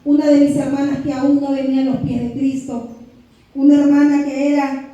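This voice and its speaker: Woman, fervent church testimony, high voice, mellow tone, very echoey hall, distant from the mic. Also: flat delivery, moderate pace, muffled recording. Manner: fervent, repeatedly addresses the congregation. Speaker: church member giving testimony. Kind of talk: emotional religious testimony.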